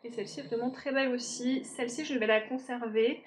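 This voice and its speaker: Woman beauty vlogger, fairly high voice, chatty and self-mocking, faint background noise. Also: fairly even intonation, fast. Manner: chatty, self-mocking, talks to viewers directly. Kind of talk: casual makeup declutter chat.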